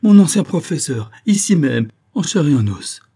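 A man's voice: a little high, sing-song, normal speed, dark tone, breathy edge, dry recording, studio quality, voice pushed up, full character voice. A man reading an audiobook, voicing a spirited army captain who exclaims in surprise. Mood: astonished.

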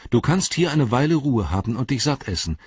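A man voicing a gentle, merciful young hobbit who speaks earnestly, in a dry, slightly dull recording. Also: mid-range voice, big pitch swings, brisk, breathy edge, dry recording, voice pushed up.

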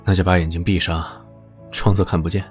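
An actor playing a gentle, patient, caring system companion in an audio drama, speaking in a soothing way. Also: male voice, deep voice, quick pace, faint music behind, close to an everyday voice.

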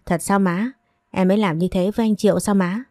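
A woman's voice: medium pitch, steady tone, fairly quick, warm tone, dry recording, natural voice. A woman voicing a scheming young woman who talks in a falsely sweet, pleading way. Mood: feigned hurt.

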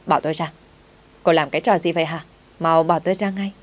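A woman voicing a spoiled, hot-tempered rich young man who shouts orders, in a storybook reading. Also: deep voice, steady tone, fairly quick. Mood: angry. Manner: shouting, bossy.

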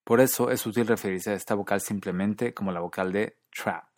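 A man narrating a scripted lesson on English accents, calmly demonstrating vowel sounds. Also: fairly low pitch, a little fast, slight background noise. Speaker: host of a linguistics video series.

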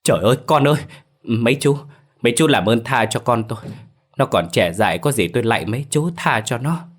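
A man's voice: deep voice, fairly quick, fairly bright tone. A man voicing a grieving older mother who sobs and pleads with a choked voice. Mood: anguished.

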